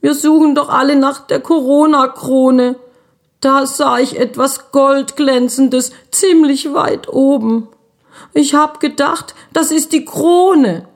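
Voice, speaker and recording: A frightened young schoolboy, played by a woman reading aloud speaks in a high, whimpering voice. He sounds desperate and shaky throughout this storybook scene. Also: fairly even intonation, slow. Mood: shaky, explaining.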